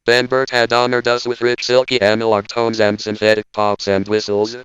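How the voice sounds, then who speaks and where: A man voices a cold, logical robot spokesman giving a stiff, deadpan lecture, with a low, smooth, resonant voice. The recording sounds slightly dull and lo-fi. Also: no echo, natural voice. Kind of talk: scripted parody monologue.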